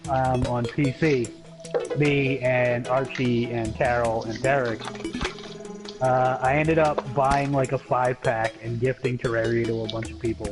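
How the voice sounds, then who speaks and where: A man's voice: mid-range voice, fairly even intonation, low-quality recording. Rambling man explaining his game tactics. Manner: explains at length, halting with many fillers, casual swearing. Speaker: co-host of a gaming channel. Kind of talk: casual let's-play chat. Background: game music.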